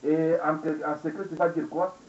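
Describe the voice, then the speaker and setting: Here a forty-something man vents in an angry, repetitive monologue full of rhetorical questions, slipping into English at times, captured on an echoey, dull lo-fi webcam indoors. His fairly high voice is a little mellow, with fairly even intonation at a moderate pace.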